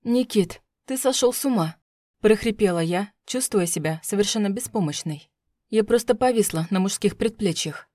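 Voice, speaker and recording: A woman's voice: mid-range voice, mellow, no room sound, studio quality. A woman reading a first-person audiobook in a tense, dramatic way. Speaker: audiobook narrator.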